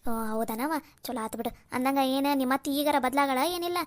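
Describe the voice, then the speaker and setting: A woman's voice: high-pitched, normal speed, natural voice. A woman with a North Karnataka Kannada accent voicing an older village woman who gossips and asks about the neighbors. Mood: chatty. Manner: chatty, gossiping. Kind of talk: cartoon voice acting.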